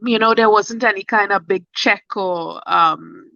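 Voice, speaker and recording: A woman's voice: medium pitch, gravelly, bright, forceful tone, no room sound, highs cut off. A woman in her forties, a guest telling her travel story in a chatty, enthusiastic way. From Trinidad. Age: 40s. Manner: enthusiastic, chatty, bursts of quick speech. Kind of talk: casual interview chat.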